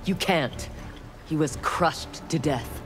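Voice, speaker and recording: In this video game dialogue, a cold, ruthless young female ninja warrior speaks slowly, in a clipped and haughty manner. Her voice sits low, with a faint music bed underneath.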